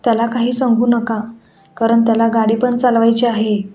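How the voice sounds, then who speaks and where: A woman voicing a hushed, worried aunt. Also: fairly high pitch, level tone, moderate pace, natural voice. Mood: hushed worry. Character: older aunt, worried and secretive. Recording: echoey room, dull sound, faint music.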